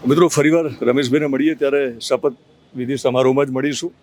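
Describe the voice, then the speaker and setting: A man interviewing a politician, asking slow, thoughtful questions with hesitations and addressing viewers directly. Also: medium pitch, fairly even intonation, a little mellow, no echo. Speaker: interviewer and news reporter. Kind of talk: conversational interview with asides to viewers.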